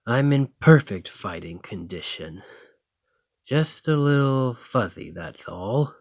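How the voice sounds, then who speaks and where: Speaking slowly in a mid-range, animated voice, a man performs the role of a teasing, dominant Nordic thane for an ASMR roleplay. He addresses the listener with commanding flirtation, playful and challenging, and the audio has no room sound.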